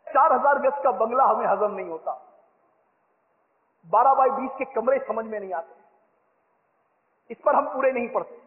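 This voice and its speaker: A man's voice: extremely high pitch, normal speed, pauses often. A man preaching a sermon, rousing and repetitive, leading the listeners in vows. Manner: rousing, repetitive exhortation, leads the crowd in vows. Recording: echoey hall, tinny phone-like sound.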